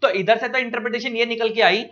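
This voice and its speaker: An Indian man lecturing students, explaining each point slowly with examples and stretching key words. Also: extremely high pitch, fairly even intonation, a bit bright. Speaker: teacher. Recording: dull lo-fi recording.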